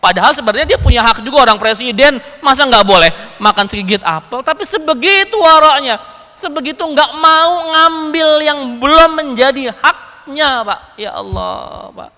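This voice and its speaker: A man preaching a storytelling sermon, animated and often turning to address his listeners directly. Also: very high-pitched, normal speed. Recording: echoey hall.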